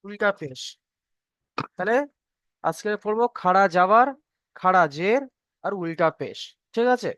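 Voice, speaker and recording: Male tutor, high and clear voice, close and dry sound, patient and repetitive. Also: lively intonation, a little slow, pauses often, fairly bright tone, no echo, muffled recording. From Bengal. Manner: patient, repeats each point and checks understanding. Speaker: Quran reading teacher. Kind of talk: online tutoring class.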